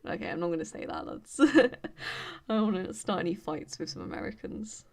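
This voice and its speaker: A young woman from Birmingham with an English accent, chatting casually with her live stream viewers in a hesitant, rambling way, full of fillers and quick laughs. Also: mid-range voice, lively intonation, vocal fry. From Birmingham, England. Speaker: study stream host.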